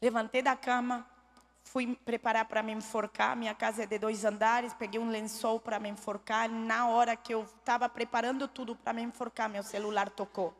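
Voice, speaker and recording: A woman's voice: fairly high pitch, flat delivery, fairly quick. A woman telling her testimony in a church, making earnest, pleading appeals to the listener. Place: church hall. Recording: long church hall reverb.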